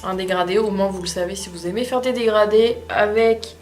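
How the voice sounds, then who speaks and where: A woman's voice: medium pitch, brisk. A woman chatting casually as a beauty vlogger while testing makeup, rambling with frequent hesitations. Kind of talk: casual makeup tutorial chat. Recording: echoey room with faint music.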